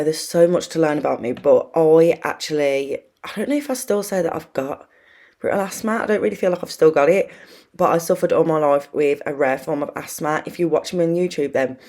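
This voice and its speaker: A young British woman with a low-pitched, slightly mellow and somewhat wheezy voice hosts a self-help video. She chats casually to viewers, rambling and confiding in an informal way.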